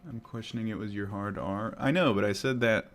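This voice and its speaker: A man with a lowish voice, talking a little fast, live-streams himself day trading. He mutters and grumbles to himself as he trades, dropping sarcastic asides along the way.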